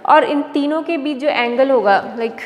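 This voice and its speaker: A woman's voice: high-pitched, normal speed. A woman teaching a chemistry lecture, explaining step by step and asking questions she then answers herself. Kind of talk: classroom lecture. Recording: long reverb, faint background noise.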